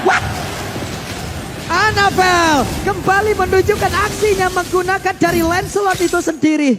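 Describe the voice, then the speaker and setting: A man with an Indonesian accent calling esports play-by-play live in an excited, shouting fighting game announcer delivery. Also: extremely high pitch, normal speed. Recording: noisy live broadcast with crowd.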